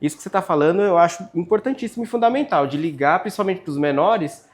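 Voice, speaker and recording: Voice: medium pitch, expressive, fast. A Brazilian podcast host in a casual school interview, agreeing with the guest and adding to his points.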